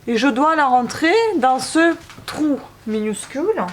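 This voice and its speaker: A woman vlogs casually while building a craft, joking, grumbling and throwing in lots of asides. Her voice sits high and her pace is a little slow.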